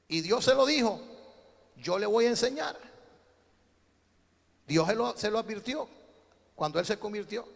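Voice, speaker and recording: Male pastor, high gravelly voice, preaching with call-and-response, echoey hall. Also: fairly bright tone. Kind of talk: sermon.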